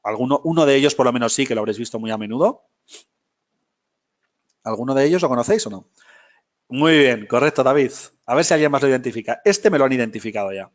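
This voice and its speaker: A man's voice: medium pitch, expressive, fast, pauses often. Chatty man teaching a live class. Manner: conversational, checks in often with questions to students; many fillers and self-corrections. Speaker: film history teacher.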